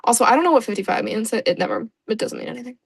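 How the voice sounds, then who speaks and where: A woman's voice: on the high side, expressive, racing, vocal fry, breathy edge, dry recording. A young woman giving casual let's-play commentary, chatty and reacting aloud with laughs and groans. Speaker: gaming YouTuber.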